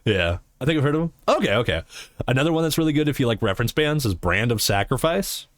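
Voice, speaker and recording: A man's voice: mid-range voice, lively intonation, fast, dry recording, clean studio sound. A man streaming live, chatting casually and answering his chat in a rambling, swearing way.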